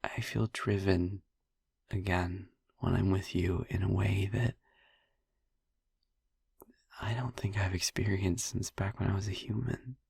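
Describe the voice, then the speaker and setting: In a close-up, intimate audio roleplay, a man voices a gentle, wistful vampire boyfriend who is youthful and haunted by his past. His husky, breathy, gravelly low voice comes out tender and hesitant, slow with pauses, in a steady tone. The heavily acted performance is captured on a close, dry mic with clean studio sound and no room echo.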